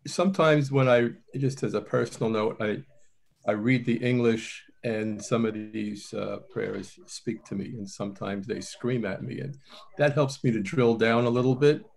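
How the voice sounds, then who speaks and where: A man taking part in an online class, sharing personal reflections in a halting, thoughtful way. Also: medium pitch, gravelly. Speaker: class participant. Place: online video meeting.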